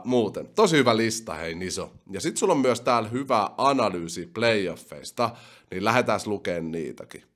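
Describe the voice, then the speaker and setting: Lively young podcast host, lower voice. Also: male voice. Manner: reads out listener comments and reacts; animated, with sudden loud bursts. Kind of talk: casual chat.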